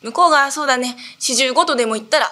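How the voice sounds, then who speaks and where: A woman voicing a knowing, patient old retired man in a rakugo storytelling performance, calmly teaching. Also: sits high, fast talker. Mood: instructive. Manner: calm instructive tone.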